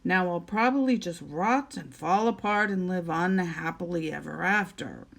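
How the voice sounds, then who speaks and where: A woman's voice: fairly low pitch, normal speed, vocal fry, fairly bright tone, voice pushed down. A woman voicing a young fairytale prince who is earnest, polite and insistent, and easily flustered. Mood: exasperated.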